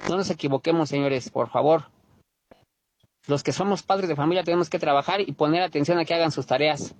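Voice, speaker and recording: A man with a Mexico City Spanish accent leaves a voice message for a radio program on his phone. His voice sits a little high for a man, and his tone is indignant and lecturing as he keeps returning to the same points. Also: a little fast, no room sound. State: leaving a recorded voice message for a radio show. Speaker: radio caller. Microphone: phone voice note.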